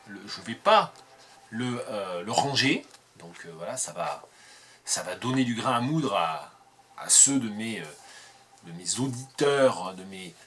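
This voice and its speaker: A man's voice: medium pitch, fairly bright tone. Rambling man with a Landes accent. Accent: Landes (southwest French). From southern Landes, France. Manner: digressive, self-mocking, thinking aloud. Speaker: academic video blogger. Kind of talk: improvised talk to camera.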